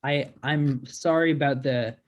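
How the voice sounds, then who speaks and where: A hesitant East Coast expert who stumbles through his answers, improvised by a man. His voice is mid-pitched and plain, coming through a video call. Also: fairly even intonation, lo-fi sound, lightly acted. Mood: apologetic. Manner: halting, hesitant with many ums. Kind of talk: improvised comedy role-play.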